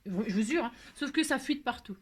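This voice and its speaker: Woman host, fairly high voice, chatty self-answering craft tutorial, noisy home recording. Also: a little fast. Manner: chatty, answers herself with "si", makes playful sound effects; gets annoyed by mistakes, then laughs it off. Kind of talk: casual tutorial chat.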